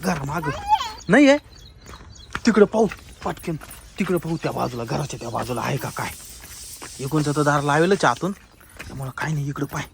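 A man's voice: on the high side, animated, fairly quick, gravelly, pauses often, slight background noise. A man playing an uncle in a comedy skit, talking in frantic, repetitive calls.

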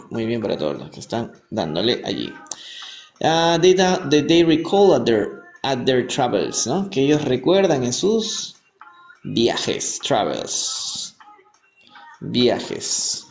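A man from Peru teaching English on a live stream, reading aloud and explaining words in Spanish, repeating each pronunciation slowly. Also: mid-range voice, big pitch swings, creaky. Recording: echoey room, faint music behind.

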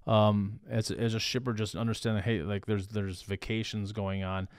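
Low-voiced Minnesotan man leading a panel. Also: level tone, moderate pace, clean tone, no echo, clean studio sound. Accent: northern Minnesotan. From northern Minnesota. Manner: easygoing, steers the talk with questions to colleagues. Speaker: logistics panel moderator. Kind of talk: casual panel discussion.

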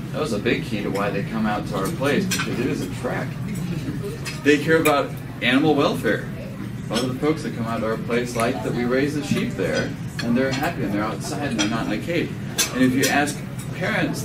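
A young man who grew up in Denmark, giving an explanatory talk to a dinner audience and posing questions to them. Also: mid-range voice. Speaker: winery owner giving a talk. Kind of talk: conversational speech to an audience. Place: banquet room with audience. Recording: roomy, distant and noisy.

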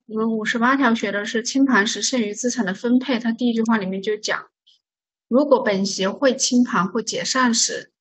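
A woman's voice: a little high, fairly bright tone, slightly rough. Patient woman drilling vocabulary. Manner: patient, repeats words to drill pronunciation; explains stress and silent letters step by step. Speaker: English vocabulary teacher. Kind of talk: online vocabulary lesson.

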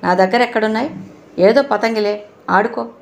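A woman voicing a weary, hard-pressed young mother with a quick temper, read plainly in a storytelling voice. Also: a little high, creaky.

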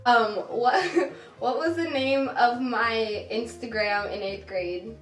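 Teen girl hosting a vlog, highish voice, really echoey room. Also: takes it slowly. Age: late teens. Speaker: host of a challenge video. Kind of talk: casual chat. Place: small room at home, indoors. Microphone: camera a few feet away. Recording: echoey room, distant mic, faint music.

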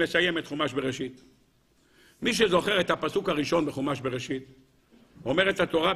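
A rabbi teaches a weekly Torah lesson in a high, bright, keen voice. He fires off rhetorical questions, repeats them and answers them himself. He swings animatedly between raised and lowered tones while calling his listeners gentlemen. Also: creaky, husky.

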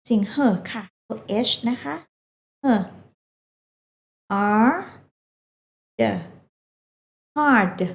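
A woman's voice: fairly high pitch, echoey room. A woman teaching a children's phonics lesson, sounding out English words letter by letter and coaxing the children along.

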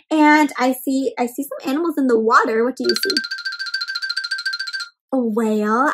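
Her voice sits high as this young woman hosts a read-aloud for little kids, full of expression and questions aimed straight at her audience.

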